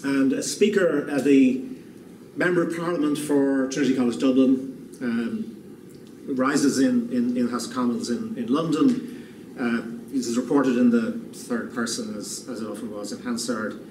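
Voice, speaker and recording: A man's voice: medium pitch, fairly even intonation, moderate pace, a little mellow. Older man lecturing in an echoey room. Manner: thoughtful, many restarts and repeated words. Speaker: keynote speaker. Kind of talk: public lecture. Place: lecture room, standing at a lectern. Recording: echoey room, far from the mic, room noise.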